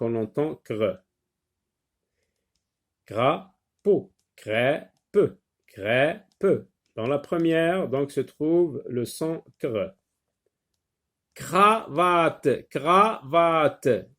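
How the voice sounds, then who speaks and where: A male teacher giving a phonics lesson for young children, repeating each word several times and pausing with frequent hesitant fillers. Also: mid-range voice, darkish tone.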